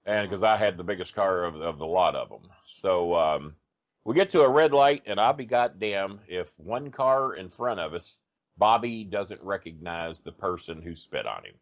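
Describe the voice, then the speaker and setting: This deep-voiced wrestling storyteller, speaking at normal speed, rambles through a profane road story as a podcast guest, filling it with fillers in loose, casual chat. The audio has a dull, lo-fi podcast quality.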